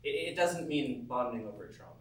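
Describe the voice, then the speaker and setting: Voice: medium pitch, lively intonation, a little fast, a little hiss or hum, close to an everyday voice. A performer on stage playing a wry, matter-of-fact friend, recorded from far off in an echoey theatre. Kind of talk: stage play acting.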